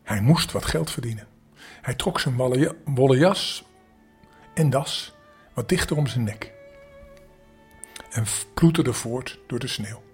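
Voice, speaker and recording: Brief: grandfatherly older man, calm bedtime storyteller, mid-pitched, soft music underneath. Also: unhurried, long pauses. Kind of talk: reading a bedtime story aloud.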